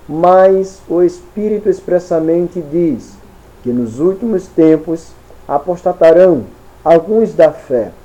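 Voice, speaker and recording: A man with a Brazilian Portuguese accent teaching a Sunday school Bible lesson in slow, deliberate short phrases. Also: fairly high pitch, dark tone, rough recording.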